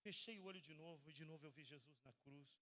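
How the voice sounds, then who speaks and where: High, bright Brazilian preacher in a hall. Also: male voice, fast. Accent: Brazilian Portuguese. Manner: intense, swings from hushed to shouting. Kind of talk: sermon testimony. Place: large hall at a church event. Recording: live hall with long reverb.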